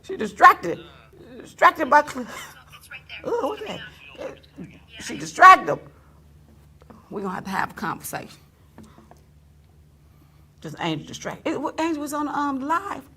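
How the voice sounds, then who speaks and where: A woman's voice: high voice, big pitch swings, measured pace, pauses often, sharp tone, breathy edge. A woman hosting a casual talk show, teasing her guest and laughing often as she talks.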